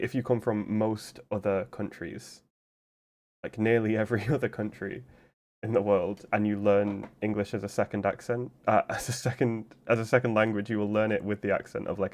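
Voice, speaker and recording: A man with a fairly low, slightly mellow voice streams a game and chats casually. He explains things at length in a rambling way, leaning heavily on "like" and often restarting his sentences.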